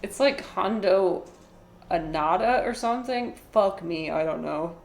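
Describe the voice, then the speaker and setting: A woman giving casual, rambling commentary as she plays a video game, with vocal fry in her voice. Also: mid-range voice, expressive, measured pace, darkish tone, roomy sound, a little hiss or hum. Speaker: streamer playing a video game.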